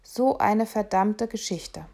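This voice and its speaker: A woman's voice: medium pitch, slow, dark tone. A woman reading aloud, voicing a worried young boy who pleads and stammers with a raised, earnest voice. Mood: glum. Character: young boy alone in the big city, anxious but proud. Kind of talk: audiobook reading.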